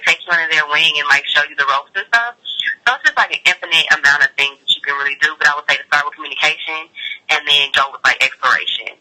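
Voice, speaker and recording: A woman talks over the phone in a relaxed, informal interview. Her voice is very bright and forward, with an edge to it. She explains things conversationally, leaning on "like" as she goes. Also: low-pitched, rough recording. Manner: informal, peppers speech with "like". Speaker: sex educator interviewee. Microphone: telephone call.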